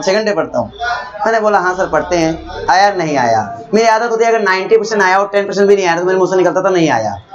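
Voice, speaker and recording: Blunt, scolding young man teaching math. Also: high-pitched. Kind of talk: classroom talk to students. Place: classroom. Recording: dull lo-fi sound, classroom chatter behind.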